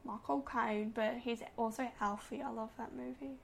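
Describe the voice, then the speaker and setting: A woman's voice: on the high side, steady tone, moderate pace, vocal fry, slight background noise. A woman co-hosting a podcast, chatting casually and gushing like a gossipy storyteller. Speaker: podcast co-host. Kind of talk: casual chat.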